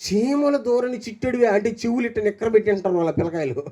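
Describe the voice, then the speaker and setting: An older man preaching a sermon as pastor, questioning his congregation and swinging between raised calls and quiet low asides. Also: quick pace.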